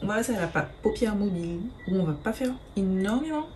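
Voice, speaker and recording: A woman's voice: mid-range voice, expressive, fairly quick, background noise. A woman, chatting casually through a makeup tutorial, hesitant with many fillers and the odd swear word. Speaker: beauty vlogger.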